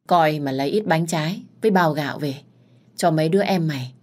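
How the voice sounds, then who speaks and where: A woman's voice: sits low, brisk, a little mellow. A woman voicing an older mother-in-law, the mistress of the house, speaking firmly and with authority. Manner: commanding, then soothing.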